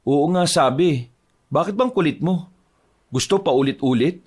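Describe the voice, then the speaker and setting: A man's voice: mid-range voice, moderate pace, lightly acted. A man voicing an irritable, suspicious young husband who answers curtly, in a horror audio drama. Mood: snapping. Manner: curt, snapping.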